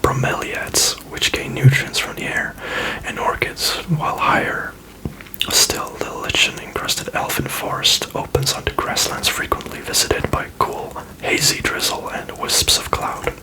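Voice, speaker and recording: Male ASMR reader. Sustained breathy whisper throughout, informal, reading text aloud with offhand comments. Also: a little slow, low-quality recording.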